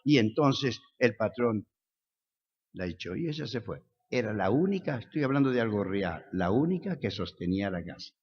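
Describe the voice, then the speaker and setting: A man with an Argentine accent preaches with passion, his voice rising and falling through rhetorical questions. His speech has a lively, animated pitch. The recording is dull and lo-fi, with a long echo from a church hall. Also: moderate pace. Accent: Argentine Spanish. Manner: impassioned, rhetorical questions, sudden swings between soft and loud. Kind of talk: sermon. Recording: echoey hall, dull lo-fi sound.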